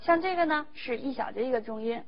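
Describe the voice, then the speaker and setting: Woman teacher explaining technique, lo-fi. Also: high voice. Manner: measured, explanatory, demonstrates between phrases. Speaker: music teacher. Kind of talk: instrumental lesson explanation. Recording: dull lo-fi recording with faint instrument music.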